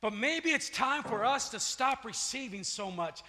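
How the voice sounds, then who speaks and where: A preacher doing an indignant young David. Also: male voice, very high voice, expressive, unhurried, voice pushed up. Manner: incredulous, rising outrage. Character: young shepherd David, male, indignant and defiant. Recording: long church reverb, faint music.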